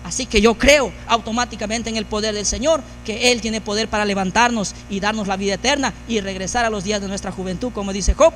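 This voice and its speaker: A man's voice: high voice, quick pace, few pauses, a bit bright, a little hiss or hum. A man preaching a sermon as pastor, building emphasis through repeated phrases. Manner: preaching with rising, emphatic repetition.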